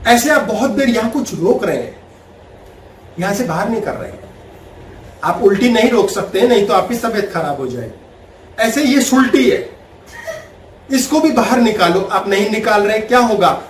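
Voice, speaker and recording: Spiritual teacher, male, high-pitched, playful, acts out scenes; recorded from afar in a reverberant room. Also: recorded from a distance, a little hiss or hum. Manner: animated, laughing, acts out everyday scenes. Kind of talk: spiritual talk with Q&A.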